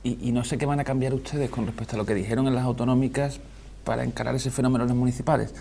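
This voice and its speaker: A man's voice: mid-range voice, steady tone, rapid-fire, gravelly, mellow, slight background noise. A man asking political questions as a journalist on a television interview panel.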